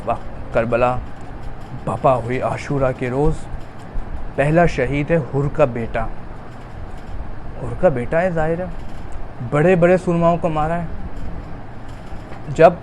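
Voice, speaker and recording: A man from Pakistan delivers a Muharram majlis sermon in a fairly high voice. He retells dialogue and builds into a loud, drawn-out lament. Faint street noise sits behind him. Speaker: preacher.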